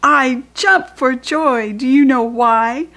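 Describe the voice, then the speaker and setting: Her voice is high-pitched and a bit bright, and she takes it slowly: an older American woman reading a picture book to young children. A children's read-aloud host and reading teacher, she pauses to point things out and pose simple questions.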